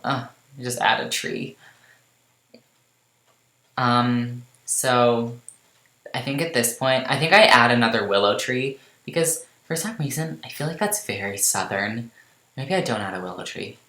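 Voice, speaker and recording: A late-teen vlogger chatting loosely over gameplay, full of fillers, asides and self-deprecating jokes. The voice sits at an ordinary middle pitch. It echoes around a roomy space. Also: unhurried, bright, forceful tone. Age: late teens. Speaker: game vlogger. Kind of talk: casual rambling chat over gameplay.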